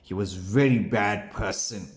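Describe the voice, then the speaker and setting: A man with a fairly low voice tells children a moral story, speaking slowly and animatedly, with frequent ums and pious phrases.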